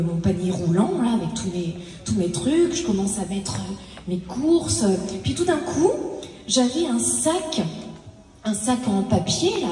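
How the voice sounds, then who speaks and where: A woman does a comic monologue on stage, stopping and restarting as she tells her story and acting out her own side of the conversation. Her voice is mellow, and it reaches the mic from a little way off. It rings through a large, echoing hall, with faint music underneath. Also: medium pitch. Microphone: handheld stage mic. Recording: echoey hall, mic at a distance.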